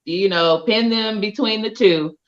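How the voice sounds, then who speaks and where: A woman's voice: mid-range voice, unhurried, lo-fi sound. A woman co-hosting a live video podcast, giving her opinions in a casual, emphatic way. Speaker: podcast co-host. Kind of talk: casual chat. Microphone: video call.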